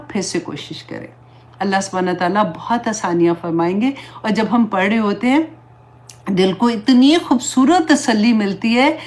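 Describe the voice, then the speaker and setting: A woman Islamic teacher giving an earnest, pleading religious talk, slipping English words into her speech. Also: on the high side.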